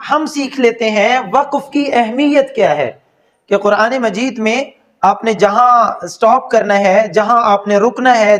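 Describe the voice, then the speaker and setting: A man with a Pakistani Urdu accent teaches an online Quran lesson, and his voice sits very high. He explains patiently and slows right down to recite his examples.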